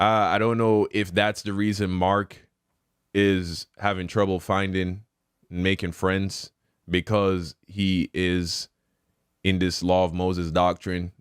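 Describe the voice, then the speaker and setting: Man, low voice, smooth and clear, earnest preachy reaction commentary, dry close sound. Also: no room sound. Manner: earnest, preachy, repeats points for emphasis.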